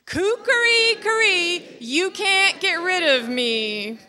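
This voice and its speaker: Brief: woman putting on a defiant storybook rooster, high and bright, crows loud and stubborn. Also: expressive, unhurried, slight background noise. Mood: indignant crowing. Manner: crowing, shrill and insistent. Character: valiant indignant male red rooster.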